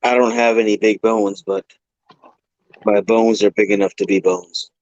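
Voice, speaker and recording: A man calls in to a live chat over a choppy video call that keeps breaking up and freezing. His voice sits at an ordinary pitch and comes through muffled and lo-fi, sometimes drifting off the mic. He talks in halting, repetitive bits and jokes as he goes. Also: steady tone, darkish tone. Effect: choppy, breaking-up video call audio. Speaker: guest on a live-streamed panel. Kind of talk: casual chat. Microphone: video call from a phone.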